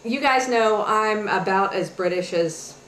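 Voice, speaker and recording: A woman's voice: mid-range voice, measured pace, fairly bright tone, slight background noise. A woman hosting a casual health and fitness vlog, talking chattily with encouraging advice. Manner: chatty, many fillers and restarts, encouraging. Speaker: health and fitness webisode host. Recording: echoey room with faint ambience.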